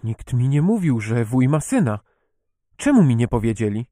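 A man's voice: medium pitch, big pitch swings, normal speed, warm tone, no room sound, studio quality, natural voice. A man reading the lines of a curious, startled young girl who asks breathless, stammering questions. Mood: astonished. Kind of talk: audiobook character reading.

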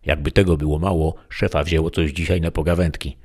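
A man's voice: extremely low pitch, level tone, brisk, darkish tone. A man narrating a first-person story in a wry, sardonic manner.

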